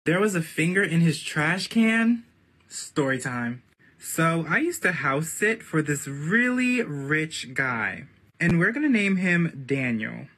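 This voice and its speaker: A young man telling a suspenseful storytime in a lively way. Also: on the high side, slow. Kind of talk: casual storytime.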